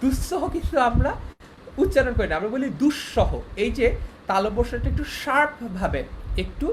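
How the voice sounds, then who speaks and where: A man's voice: very high voice, animated, brisk, a little hiss or hum, poor audio. A young man teaching a class, explaining step by step and often checking that his students follow. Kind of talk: online class lecture.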